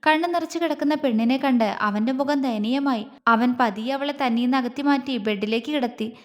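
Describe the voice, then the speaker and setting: Woman narrator, romance audio story, fairly high voice, soft and steady, long reverb. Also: normal speed.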